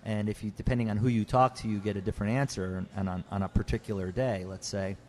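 A man's voice: on the low side, steady tone, fast talker, a little mellow, a little hiss or hum. A middle-aged man, a winemaker explaining his trade in an earnest, casual way with frequent restarts. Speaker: Texas winemaker guest. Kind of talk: casual interview talk.

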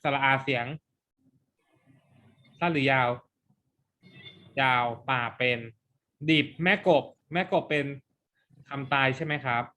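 Male teacher, mid-pitched, playful, runs a lively quiz-style class. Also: takes it slowly, long pauses. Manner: playful, quizzing students for answers. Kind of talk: exam-prep classroom lesson.

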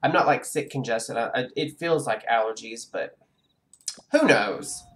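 A congested man in his forties, a gaming streamer, chats casually on a live stream while playing a game in a home room with a webcam. His mid-range voice is expressive, fairly bright and unhurried. He rambles, filling his talk with ums and restarts.

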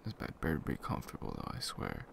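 A young man acting as a laid-back, caring best friend in a casual, intimate ASMR boyfriend role-play, murmuring conversationally with a gravelly voice. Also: quick pace, close to an everyday voice. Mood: casual, relaxed. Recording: clear background noise, ambient sound.

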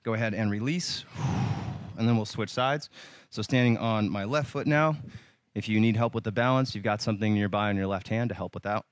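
A man leading a yoga workout, giving calm, encouraging cues with light humor and sometimes slightly out of breath. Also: on the low side, brisk, no room sound. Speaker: yoga instructor. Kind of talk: guided yoga class instruction.

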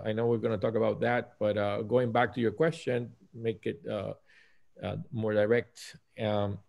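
A native Spanish speaker from Puerto Rico, a man in his fifties with a Puerto Rican accent, shares a personal account as a guest pastor on a video call. His medium-pitched voice is gravelly and darkish, and he speaks conversationally, halting and correcting himself. He's indoors in a small room at home.

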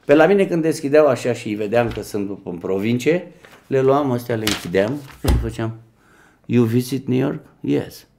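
A middle-aged man from Romania telling stories in a casual chat, animated, and acting out the voices he quotes. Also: medium pitch, background noise. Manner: animated, acts out quoted voices and switches languages.

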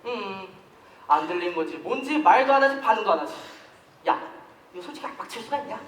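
A man's voice: high voice, expressive, a bit bright. A teenage boy in a school play, acting a chatty, easily offended schoolboy who grumbles a lot. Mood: fuming. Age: teens. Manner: talkative, quick to take offence, grumbling. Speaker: student actor in a school play. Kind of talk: amateur stage acting. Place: school stage. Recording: echoey hall, mic far from stage, faint noise.

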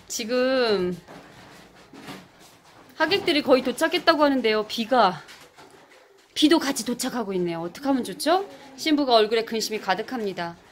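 With a high-sitting, fairly bright voice, a woman chats her way through casual voice-over commentary on an outdoor wedding in Kenya, laughing often. Music plays behind her, and there's a little hiss or hum on the recording.

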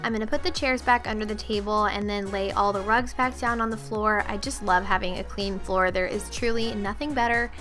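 A woman's voice: medium pitch, fairly even intonation, fairly quick, few pauses, a bit bright, faint music behind. A young woman narrating a cleaning vlog in a chatty, friendly voice-over. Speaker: cleaning vlogger.

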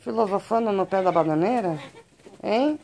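A woman's voice: medium pitch, normal speed, dark tone. A Brazilian woman with a Brazilian Portuguese accent filming her backyard birds and pets. She talks to the animals in sing-song baby talk. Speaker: animal channel vlogger. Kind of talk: casual vlog talking to pets. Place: outdoors in a backyard with chickens.

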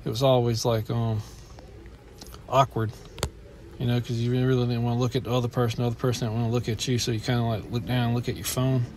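A man's voice: medium pitch, flat delivery, fast, noisy background. Grumbling man walking a near-empty mall. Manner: grumbling, blunt, complaining. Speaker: vlogger. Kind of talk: walking mall tour vlog. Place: indoor shopping mall, walking.

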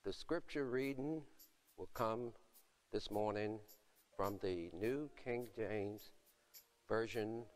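An older man reads scripture and leads a prayer at a podium mic on a dim church stage. He speaks very slowly, in a low, measured, solemn voice. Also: darkish tone. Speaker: deacon.

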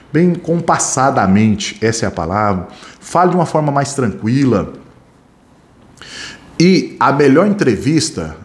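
Animated Brazilian man teaching a class. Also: medium pitch. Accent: Brazilian Portuguese. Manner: animated, talks with his hands, self-correcting. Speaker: security training instructor. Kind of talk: classroom-style lesson with acted examples. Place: training classroom.

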